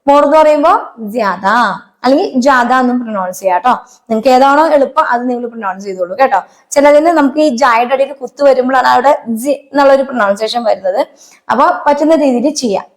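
A woman's voice: high-pitched, quick pace. A woman from Kerala, teaching Hindi in a patient online lesson and often checking that her students understand.

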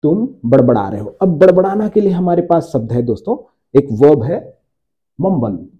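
A man teaching English grammar to his viewers, slowing down to repeat each example sentence. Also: a little high, very animated, highs cut off. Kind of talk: Hindi-language grammar lesson.

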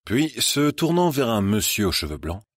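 Guy narrating an audiobook, calm and measured, husky and dry. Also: lowish voice, dry recording. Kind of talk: scripted narration.

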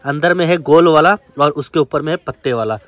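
A man's voice: on the high side, brisk, fairly bright tone, no echo, dull audio. A young man chatting casually on his vlog, joking and laughing with the people around him outdoors at night. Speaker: vlogger.

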